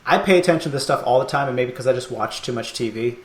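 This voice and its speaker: Thinking out loud, this podcast host chats casually, rambling thoughtfully with lots of fillers and frequent laughter. He talks fast at an ordinary pitch, and a roomy echo from his surroundings colors the sound.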